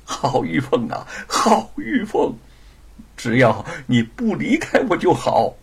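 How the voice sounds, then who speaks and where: A man's voice: fairly high pitch, wildly swooping pitch, slow pace, vocal fry, husky, pitched above the performer's own voice, full character voice. A man voicing a passionate scholar husband in an audiobook, dramatic and teasing. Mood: affectionate. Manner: dramatic, swings from pleading to stern.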